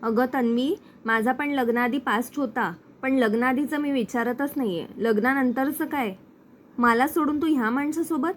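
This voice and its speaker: A woman's voice: high-pitched, normal speed, a little hiss or hum, lightly acted. A woman reading the lines of a bewildered, wronged young husband in a plain recap voice.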